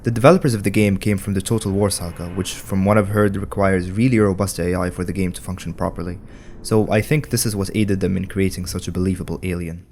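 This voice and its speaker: A man with a very low voice narrates a scripted video essay. His delivery is conversational and wry, with dry asides. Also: fairly even intonation, fast, darkish tone, a little hiss or hum.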